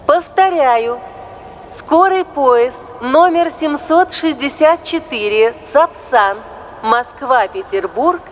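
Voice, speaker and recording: A woman reading formal train station announcements in a measured, even, official manner. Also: sits high, a little hiss or hum, poor audio. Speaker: station announcer in a listening exercise.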